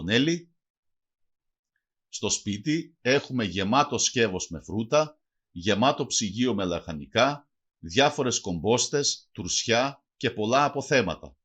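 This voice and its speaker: Man, husky voice, lively pitch, careful read-aloud vocabulary lesson. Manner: slow, careful reading of word lists. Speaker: language teacher.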